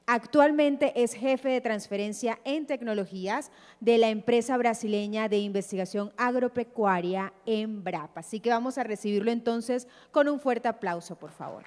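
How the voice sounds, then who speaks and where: A woman's voice: on the high side, normal speed, few pauses, darkish tone. A woman acting as conference moderator, making formal announcements and introducing a speaker. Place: large conference hall. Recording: echoey hall with long reverb.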